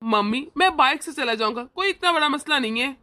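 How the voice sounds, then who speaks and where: A doting older brother reassures and indulges his sister, played by a woman. The voice is high and bright. It is a homemade family drama. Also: lively intonation, brisk. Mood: indulgent.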